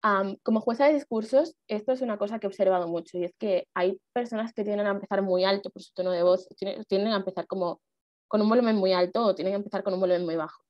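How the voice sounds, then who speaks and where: A woman's voice: medium pitch, quick pace, no room sound, lo-fi sound. A woman giving a workshop on public speaking, explaining casually with fillers and rhetorical questions. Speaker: speech workshop instructor and speech judge.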